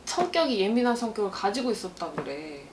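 A woman's voice: mid-range voice, very animated, fairly quick, distant mic. A woman fortune teller giving a reading, talking bluntly and mixing casual and polite speech as she relays what the spirits tell her. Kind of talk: fortune-telling consultation. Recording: echoey room with faint noise.

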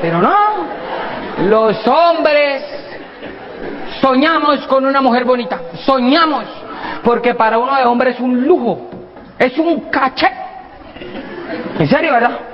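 Colombian guy doing stand-up, super high voice, yells the punchlines, crowd and noise behind. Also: slow pace, pauses often. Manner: animated, shouting punchlines, acting out scenes. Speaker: stand-up comedian. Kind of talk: stand-up comedy routine. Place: comedy stage before a live audience. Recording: dull live recording with audience noise.

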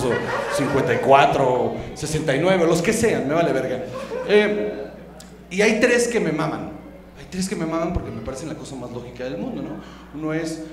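A male stand-up comedian with a Mexican accent and a fairly high voice rattles off brash, profane slang. He is recorded on a roomy club stage. A laughing crowd is heard behind him.

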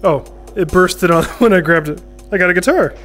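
A man's voice: sits high, normal speed, fairly bright tone. A man hosting a gaming video, giving casual, chatty playthrough commentary and reading screen text aloud. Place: indoor room at home. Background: game music.

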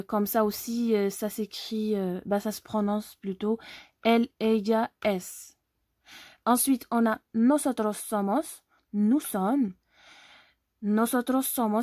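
A woman's voice: on the high side, a little mellow, no room sound, studio quality. A woman from Algeria teaching an online language lesson, explaining step by step and often checking that viewers follow.

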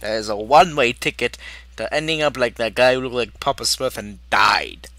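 A woman's voice: extremely low pitch, expressive, moderate pace, fairly bright tone, no room sound, full character voice. A woman voicing a manic, giggling male villain clown, reacting to videos in character with crude, theatrical remarks. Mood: gleeful, unhinged.

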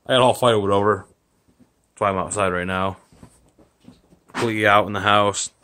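Filming his garage and yard on a phone, a male vlogger gives an offhand, rambling walkthrough full of fillers, partly outdoors. His fairly low voice stays fairly even in intonation, moving fairly quickly with a pushed, bright quality. Slight background noise is audible.

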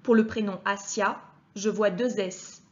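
A woman teacher giving a clear reading lesson to young children, speaking to the child directly and sounding out each letter with care. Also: medium pitch, fairly even intonation, dull audio. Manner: patient, addresses the child directly, deliberately articulated sounds. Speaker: primary school teacher.

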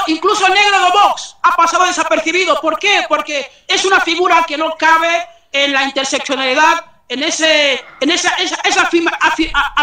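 A man's voice: very high-pitched, bright, forceful tone. A middle-aged man speaking outdoors over a video call as a panel guest, arguing with passion and tripping over words. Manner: impassioned, stumbling over words. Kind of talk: impassioned argument in an online panel. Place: outdoors among trees. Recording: echoey, distant from the mic.

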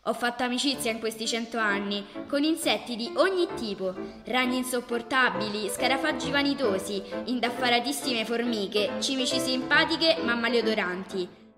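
A woman's voice: on the high side, moderate pace, lightly acted. Storybook role: a forgotten old notebook, male, whiny and pleading, read by a woman, with a hall echo over music. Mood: wistful. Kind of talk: audiobook reading. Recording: reverberant audiobook over loud music.

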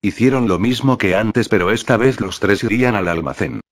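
A man narrating an audio fanfic in a steady, flat, synthetic-sounding reading. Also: on the low side, moderate pace.

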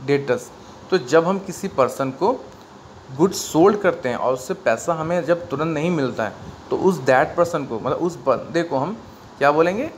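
A man with an Indian accent teaches an accountancy lesson in a mix of Hindi and English, walking through it step by step and posing questions he then answers himself. His voice is fairly high with lively intonation, at a normal speed. Faint background noise sits under the classroom lecture.

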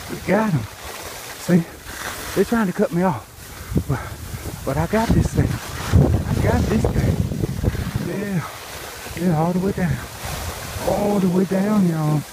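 Filming himself on the ski slope, this middle-aged skier delivers live first-person commentary to viewers in brief, repeated phrases as he exerts himself. His voice is high-pitched. The handheld phone or camera records heavy wind noise, with wind and a rushing sound all around.

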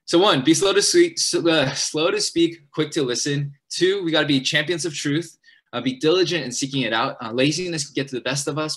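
A young adult man leading a church seminar for college students. He talks in a hurried, earnest way, with many fillers and restarts. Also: fairly high pitch, a bit bright, husky. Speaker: college ministry leader at a church.

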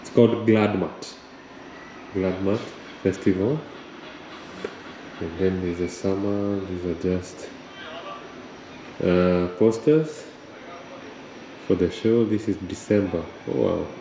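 With a low, warm voice and fairly even intonation, a young travel vlogger talks slowly and thoughtfully as he walks, first along a rainy harbor and then inside a concert hall. He's chatty, says R and L give him trouble, and keeps the camera close at chest height as street noise runs behind him.

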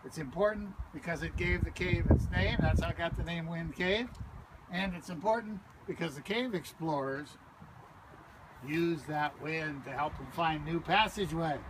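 A man working as a park ranger leads a group through a cave, explaining things patiently and often checking in with them. His voice sits fairly high. The recording is roomy and echoey, with loud background noise around him. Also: moderate pace. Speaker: park ranger tour guide. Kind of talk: guided cave tour talk. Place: visitor center lobby, then inside a cave.

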